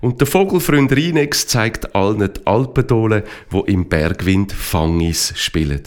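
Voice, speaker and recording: A man narrating a children's story with slow, lively reading. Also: fairly low pitch.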